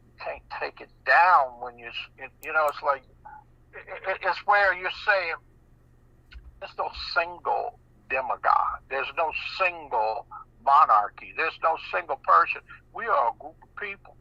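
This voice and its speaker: Animated gravelly-voiced American man on radio. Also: on the high side, measured pace, dry recording. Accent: American English. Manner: animated, repeats words as he restarts. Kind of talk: casual radio talk. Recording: muffled radio broadcast.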